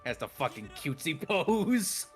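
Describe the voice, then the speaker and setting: A young man playing a game with friends, excitable and jokey, swearing freely. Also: on the high side, unhurried, soft background music. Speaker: co-player friend. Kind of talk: casual gaming chat.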